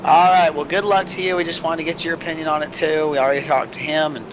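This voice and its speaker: A man's voice: fairly even intonation, fast talker. A man working as a motorsport commentator, giving live, conversational race commentary on a broadcast. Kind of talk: live race commentary with casual trackside interview. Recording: noisy broadcast with vehicle rumble.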